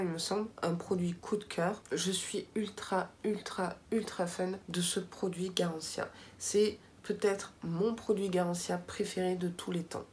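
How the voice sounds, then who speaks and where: A woman's voice: medium pitch, darkish tone, slight background noise. A woman chatting casually to her viewers as she reviews finished beauty products, with lots of fillers and asides. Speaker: beauty vlogger.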